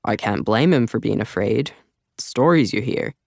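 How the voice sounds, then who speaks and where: A man's voice: medium pitch, animated, moderate pace, vocal fry, no echo, studio quality. A man voicing a chatty older man with a slight accent, talking in a rambling, earnest way in an audiobook. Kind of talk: audiobook character voice.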